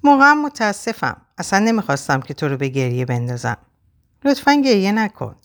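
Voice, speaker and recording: A woman's voice: medium pitch, sing-song. A woman reading the part of an earnest young man in love, speaking insistently and persuasively. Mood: apologetic.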